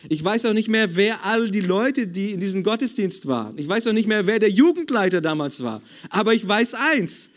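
A man preaching a sermon in a church service, emphatic and repetitive, calling for amens. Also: sits high.

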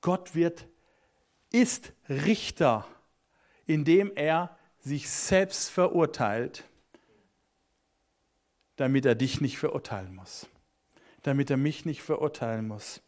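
A man's voice: fairly high pitch, takes it slowly, pauses often, darkish tone. A man preaching a sermon, reading scripture aloud and then explaining it with emphatic repetitions, speaking directly to his listeners. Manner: interjects hallelujah, addresses listener directly.

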